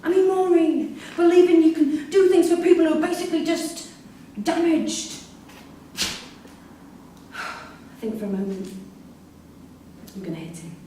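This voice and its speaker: At a live staged reading in a Salford theatre, an actress plays a disillusioned, confrontational prison worker, her delivery emphatic, pointed, wry, and bitter. Her very high voice has lively intonation, a little slow with frequent pauses. The recording is echoey, with a distant mic and faint noise.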